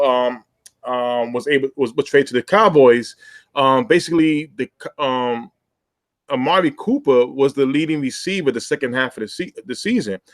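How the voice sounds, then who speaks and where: A man's voice: mid-range voice, no room sound. Man, podcast co-host, hesitant, lots of ums, dry sound. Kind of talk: casual sports podcast chat.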